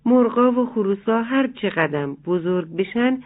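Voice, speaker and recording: A kindly father rooster in a bedtime storybook, explaining patiently and calmly, as the storyteller puts him on. The sound is thin and phone-like, squeezed into a narrow band. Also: mid-range voice, voice pushed up, lightly acted. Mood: gentle, teaching. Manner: gently explaining, kind.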